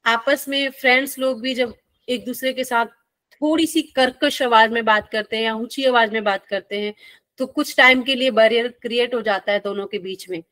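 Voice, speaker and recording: A woman's voice: on the high side, fairly even intonation, normal speed, fairly bright tone, dry recording. A woman teacher, giving a friendly, playful lecture and asking her students questions as she goes. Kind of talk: classroom lecture.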